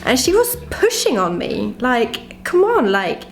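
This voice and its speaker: A woman's voice: on the high side, wildly swooping pitch, unhurried, gravelly, faint music behind. A young woman talking casually in her home kitchen, chatty and full of "like", as a vlogger. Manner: chatty, peppered with "like".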